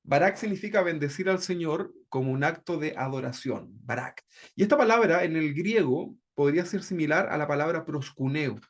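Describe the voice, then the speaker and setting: Hombre animado con voz rasposa. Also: male voice, a little high, animated, moderate pace. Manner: conversational, keeps asking "¿verdad?". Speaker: pastor teaching a discipleship class. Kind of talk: informal Bible class teaching.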